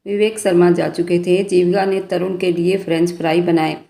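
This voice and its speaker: Soft-voiced woman reading a love story. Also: lowish voice, level tone, moderate pace, vocal fry. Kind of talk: romantic bedtime story narration. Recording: echoey room.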